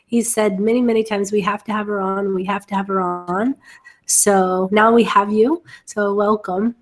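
A woman's voice: mid-range voice, fairly even intonation, moderate pace. A middle-aged woman hosting a casual webinar over a video call, sounding a little short of breath from bronchitis. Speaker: webinar host. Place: home office, indoors, on a video call.

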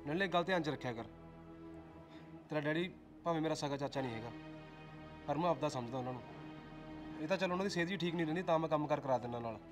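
A man's voice: on the high side, close to an everyday voice. An actor playing a stern young village man who firmly turns down a woman's advances. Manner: curt, firm.

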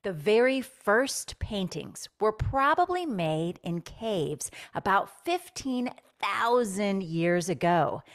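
Slow, lively woman narrating history. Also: mid-range voice. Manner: slow, lively explanatory reading. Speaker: educational video narrator. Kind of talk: scripted narration.

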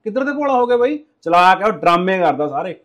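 A man's voice: high-pitched, very animated, fast, fairly bright tone. A man playing a stern lecturing husband. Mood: insistent. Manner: lecturing, insistent. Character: stern husband, resentful of his aunt.

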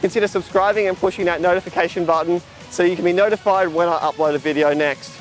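Talking fast in a voice that sits high, a young Australian travel vlogger strolls a sunny seaside lookout near a jetty and beach, gesturing, relaxed and leaning on fillers. Faint music plays in the background of this low-quality recording, captured by a camera on a tripod a few metres away.

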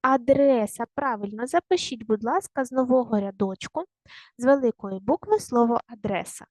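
A woman teaching a primary school language lesson online, speaking slowly and carefully and repeating words to show their stress. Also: on the high side, animated, darkish tone, no echo.

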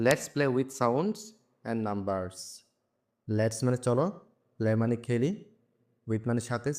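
A young man teaching a textbook lesson, reading each English phrase slowly and then translating it word by word. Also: medium pitch, darkish tone.

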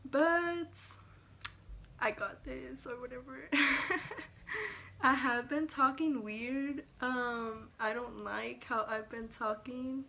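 A woman's voice: high-pitched, steady tone, drawn-out words, vocal fry, pushed and bright. A young woman in her teens, speaking with braces, chatting casually as a vlogger at home, rambling with lots of fillers, self-corrections and casual swearing. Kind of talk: casual vlog chat.

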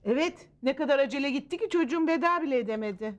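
A woman's voice: sits high, lively intonation, racing, a little hiss or hum. An actress playing a flustered middle-aged mother who stalls and fibs to cover for her family. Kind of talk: sitcom acting.

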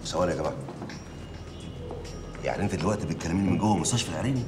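A man's voice: sits low, very fast, over loud music, natural voice. An actor playing a brusque male newspaper editor who snaps orders down the phone, recorded with a distant mic in a newspaper office. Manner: gruff, commanding, snaps orders. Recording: distant mic with loud room noise.

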